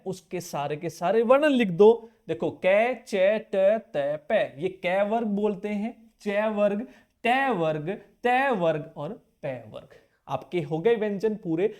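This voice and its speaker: This male teacher runs an exam-prep grammar lesson with a voice that sits high and a little mellow. He throws questions at his viewers, answers them himself, drills key terms through repetition and casually calls them brother.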